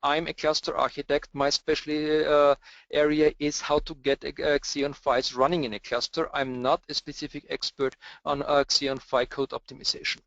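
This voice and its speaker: This cluster architect from Austria speaks with an Austrian German accent in a slightly high, a bit bright, creaky voice, his delivery flat and moderately paced. Handling webinar Q&A, he hesitates and fills gaps with many filler sounds, over dry, dull lo-fi audio.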